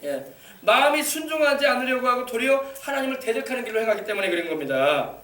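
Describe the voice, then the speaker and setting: A man's voice: very high voice, lively intonation, quick pace, fairly bright tone. A male pastor preaching an emphatic sermon, exhorting the congregation with rhetorical questions. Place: church sanctuary. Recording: echoey church hall, mic at a distance.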